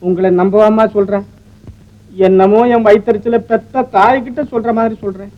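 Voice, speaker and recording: A grieving young doctor, played by a man, tells of his loss in a choked, tearful voice. The voice sits very high for a man, with theatrical 1950s film melodrama delivery. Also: steady tone, normal speed, lo-fi sound, close to an everyday voice. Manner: emotional, theatrical storytelling.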